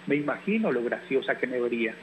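A kind, motherly bear lady from a storybook, gentle and warm in every line she speaks, as a man reading aloud puts her on. The voice keeps to a middle pitch. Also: expressive, fast, slight background noise, close to an everyday voice, rough recording.

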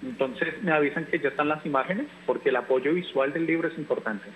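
Calm male teacher reading a story. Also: a little high, fairly quick, a little hiss or hum, rough recording. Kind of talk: reading a children's story aloud.

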